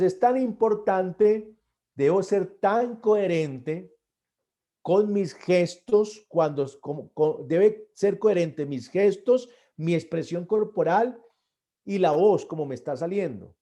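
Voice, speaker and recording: A middle-aged man giving a church arts lesson on stage performance, earnest, often repeating and restarting his words and pushing key points louder. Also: sits high, slow. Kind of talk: classroom lecture on stage performance.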